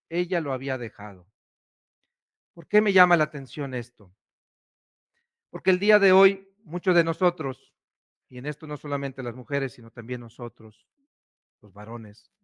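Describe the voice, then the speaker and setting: A man, a priest preaching a sermon, asking questions and swinging between loud and hushed delivery. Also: fairly high pitch, clear, resonant tone.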